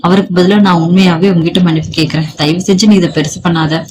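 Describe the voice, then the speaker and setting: A storyteller reading the lines of a gentle middle-aged wife who talks softly, apologizing and pleading. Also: medium pitch, fairly even intonation, fast, a crowd in the background, natural voice, poor audio. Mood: apologetic.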